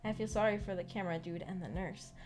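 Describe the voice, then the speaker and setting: Streaming a visual novel book club with music in the background, this woman reads out viewer comments and replies hesitantly, rambling and often trailing off. Her voice is medium-pitched, steady and darkish, and she talks fast.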